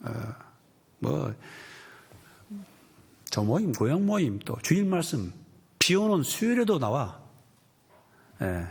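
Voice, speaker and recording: A man preaching a sermon as pastor, telling stories with lively acted-out voices. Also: fairly high pitch, slightly rough. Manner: animated storytelling, acting out quoted voices.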